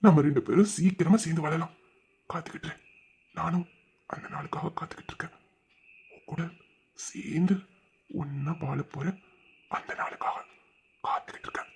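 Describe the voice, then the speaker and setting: Performer voicing obsessive young man, boastful, menacing, medium pitch. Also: fairly quick, pauses often, slight background noise, natural voice. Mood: teasing whisper. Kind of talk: audio drama acting.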